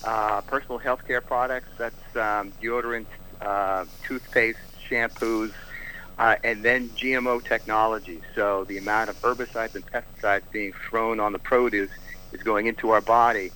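A man's voice: fairly low pitch, steady tone, moderate pace, bright, forceful tone, a little hiss or hum, poor audio. A man joining a broadcast as a guest health expert, explaining earnestly. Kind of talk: interview answers by phone.

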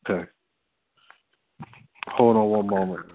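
A man leading a church group's conference call over the phone, talking haltingly with many fillers and restarts. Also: on the low side, fairly even intonation, noisy background. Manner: hesitant, full of fillers and restarts. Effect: heard over a phone line. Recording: tinny dry phone line.

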